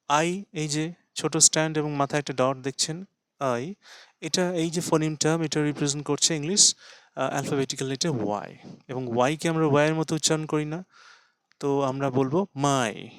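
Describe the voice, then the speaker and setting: A man teaching English pronunciation in a slow explanatory lesson, spelling words out letter by letter and pausing often. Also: on the high side, fairly bright tone, no room sound. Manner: reads English phrases very slowly with stress.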